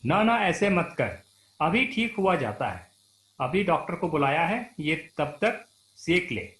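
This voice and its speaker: A man's voice: a little high, very animated, a little slow, fairly bright tone. A man reading as a fretful mother fussing over her sick son. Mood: soothing. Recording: roomy echo.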